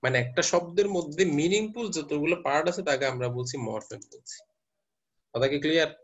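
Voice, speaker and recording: A man's voice: a little high, animated, brisk. A male teacher lecturing a class step by step and quizzing his students as he goes. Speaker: university teacher. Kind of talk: lecturing class, mixing English terms. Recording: muffled lo-fi class recording.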